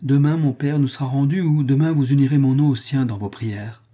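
A grave young nobleman, as a male reader voices him, solemn and guarded, keeping his secret with quiet resolve. The tone is dark and mellow with a faintly husky grain. It stays close to the reader's own voice. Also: medium pitch, steady tone, brisk, voice pushed up, natural voice. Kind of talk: audiobook character voice.

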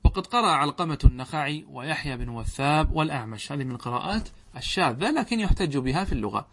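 Higher-voiced man teaching grammar. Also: expressive, fast, fairly bright tone. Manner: explains step by step, asks questions then answers them. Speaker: sheikh teaching Arabic grammar. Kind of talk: classroom lesson commentary.

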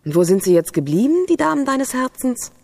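A woman's voice: sits high, sing-song, a little fast, gravelly, dark tone, breathy edge, heavily acted. An actress playing a jealous, suspicious female computer program who is a virtual lover, in a radio play. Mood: accusing, jealous. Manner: accusing, jealous, interrogating.

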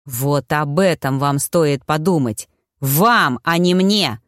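A woman's voice: low voice, takes it slowly, a bit bright, dry recording, studio quality. A woman reading an audiobook, voicing a sarcastic, defiant young man who mocks his family. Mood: angry. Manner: mocking, biting, scornful.

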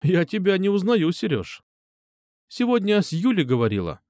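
A man's voice: sits high, very animated, normal speed, darkish tone, no echo, clean studio sound, voice pushed up. A man reading an audiobook, voicing a caring, chatty middle-aged mother in a raised voice. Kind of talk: audiobook character voice.

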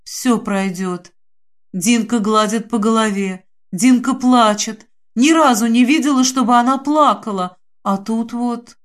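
A woman's voice: fairly high pitch, measured pace, hardly any pauses. A woman reading a first-person story aloud in clipped, breathless short phrases. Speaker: audiobook narrator. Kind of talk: first-person literary narration.

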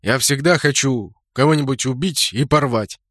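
A man voicing a loud, blunt young knight. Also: medium pitch, normal speed, no echo, studio quality, lightly acted. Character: burly young male knight, blunt and bloodthirsty. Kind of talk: audiobook character voicing.

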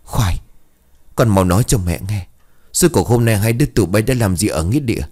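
A man's voice: on the low side, expressive, a little fast, mellow, slightly rough. A man voicing a frightened village mother who questions her son urgently. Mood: alarmed.

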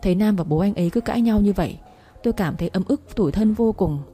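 A woman narrating a romance story in first person, in a steady storytelling manner. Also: medium pitch, fast talker, soft background music.

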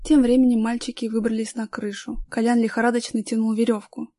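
A woman narrating a children's story chapter in a steady, even audiobook reading. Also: on the high side, a little fast, no echo, studio quality.

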